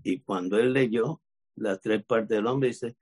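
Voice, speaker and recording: A man's voice: on the low side, takes it slowly, breathy edge. A man from Cuba, casually sharing a testimony with a church group and acting out the dialogue as he retells it. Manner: lively retelling, acts out quoted dialogue.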